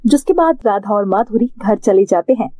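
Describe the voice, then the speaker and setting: A woman telling a cartoon story in an even, scripted storybook narration. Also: mid-range voice, normal speed, dry recording. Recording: dry, phone-like narrow sound.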